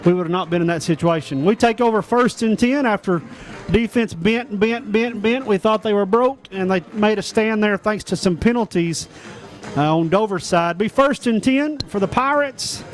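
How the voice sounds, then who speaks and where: A man calling a high school football game play by play, in a folksy, measured way. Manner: folksy, measured, calls down and distance. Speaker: play-by-play announcer.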